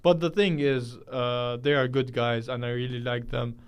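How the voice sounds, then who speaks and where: A man's voice: medium pitch, steady tone, normal speed, clean tone. A man raised in the UAE chatting casually on a radio show, agreeing and building on his co-host's points with frequent uhs. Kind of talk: casual chat.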